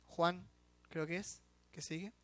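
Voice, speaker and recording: A male pastor preaches in a high, bright voice, stretching his words slowly for emphasis. He presses his points with rhetorical questions put straight to the listener. His delivery is an unhurried sermon style. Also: fairly even intonation. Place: church.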